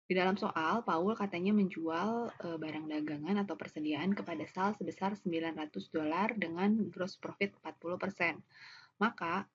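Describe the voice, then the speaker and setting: A lecturer with an Indonesian accent teaches accounting step by step, walking through worked examples in a didactic way and often answering her own questions. Her voice is fairly low in pitch. The lo-fi audio sounds dull, with clear background noise.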